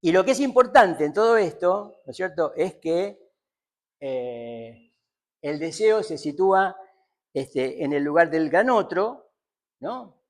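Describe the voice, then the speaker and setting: A man's voice: fairly high pitch, big pitch swings, slow. Man lecturing, frequent tag questions. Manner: thinking aloud with many fillers, repeated tag questions. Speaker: seminar lecturer on psychoanalysis. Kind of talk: spoken seminar lecture.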